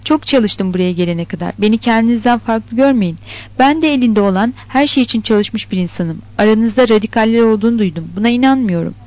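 A woman reading the lines of a smooth-talking, patronizing male grower's agent in a novel, in a preachy, placating manner. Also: fairly high pitch, lively intonation, fairly quick, darkish tone, natural voice. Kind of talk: scripted narration of a novel. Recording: dull lo-fi recording.

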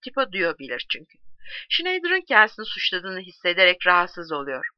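Woman, audiobook reader, measured expressive reading, lively pitch, dry sound. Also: dry recording, muffled recording. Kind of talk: reading a novel aloud.

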